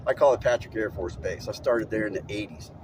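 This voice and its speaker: A man's voice: lowish voice, a little fast, noisy background. Chatty middle-aged man rambling while driving. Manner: rambling, chatty, laughs at his own story. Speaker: vlogger telling a story. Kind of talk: casual storytelling monologue while driving. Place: inside a moving vehicle.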